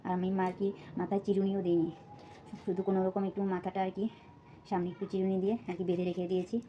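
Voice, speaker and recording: Chopping vegetables at home, a young Bengali-accented vlogger and mother of two talks casually to her viewers as if to friends, softly, slightly out of breath and full of fillers. She speaks quickly in a mid-range voice with little pitch movement, while the recording loses its highs and picks up slight background noise.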